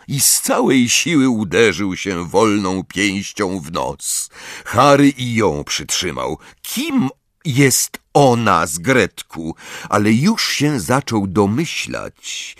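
Man reading a story, low and dry. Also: fairly bright tone, dry recording. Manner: vivid storytelling, voicing each character. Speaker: audiobook narrator. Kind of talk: scripted narration.

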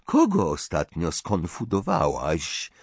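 A man's voice: mid-range voice, huge pitch swings, slow pace, gravelly, husky, dry recording, full character voice. Man voicing a wary teenage boy. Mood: defiant. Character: teenage boy, young hero, wary and brisk.

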